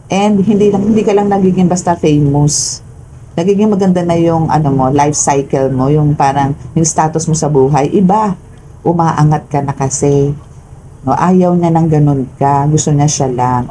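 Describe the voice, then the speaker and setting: A Filipino woman doing a tarot reading for her viewers, with a low, dark and mellow voice. She talks emphatically and keeps checking in with her listeners. A faint hiss of noise sits under her voice. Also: poor audio. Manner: emphatic, keeps asking "no?" and "okay?". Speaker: tarot reader.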